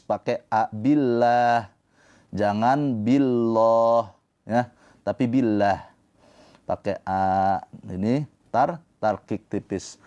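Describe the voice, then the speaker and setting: Slow, mellow man teaching recitation. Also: fairly low pitch, muffled recording. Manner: slow, careful explanations broken by drawn-out melodic recitation. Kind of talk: tajwid lesson with chanted recitation. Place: livestream.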